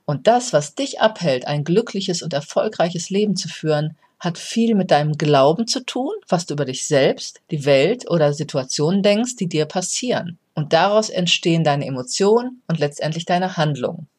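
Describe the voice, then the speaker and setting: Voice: mid-range voice, lively intonation, normal speed, few pauses, a little mellow, slightly rough. Reflective motivational podcast host. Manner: reflective, explanatory, addresses the listener directly. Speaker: podcast host, resilience coach.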